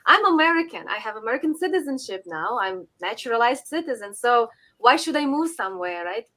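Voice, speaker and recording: A woman's voice: a little high, sing-song, a little fast, pushed and bright. A woman from Ukraine, talking frankly as a podcast guest and laughing between points. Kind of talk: casual podcast talk.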